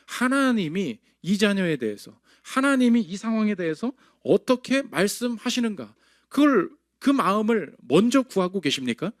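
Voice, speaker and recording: A male pastor delivers an emphatic sermon in a high, lively voice that swoops up and down. The sound is dry and close, with little room echo. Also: moderate pace. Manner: emphatic preaching, voices God's words and congregants' complaints.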